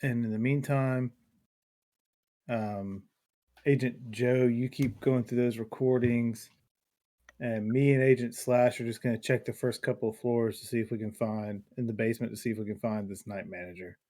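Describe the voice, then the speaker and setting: A man's voice: mid-range voice, steady tone, moderate pace, warm tone. A man playing a tabletop game, taking charge and planning aloud. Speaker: player. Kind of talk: casual tabletop play.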